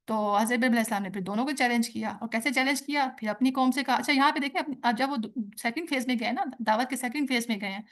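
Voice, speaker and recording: Woman teaching a religious lecture. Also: a little high. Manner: explanatory, mixing in English and quoted Arabic.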